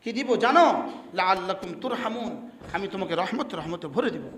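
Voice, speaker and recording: A man preaching a Friday sermon, scolding his listeners with rhetorical questions and swinging from loud outbursts to low asides. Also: animated, moderate pace, reverberant, noisy background.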